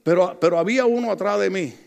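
A middle-aged male pastor delivers a lively sermon, spinning jokes and stories and calling out to his listeners. His voice sits high for a man and has a gravelly edge to it. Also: quick pace. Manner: humorous storytelling, calls out to the congregation.

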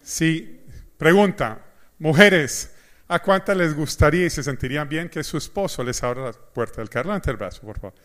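Man preaching a sermon, slightly high voice, lively storytelling, talks to the crowd. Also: moderate pace. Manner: lively storytelling with asides to the audience. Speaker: pastor.

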